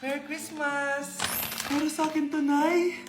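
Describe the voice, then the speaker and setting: A woman's voice: high-pitched, little pitch movement, a little slow. A woman performing short comedy skits, switching between many characters. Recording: faint music underneath.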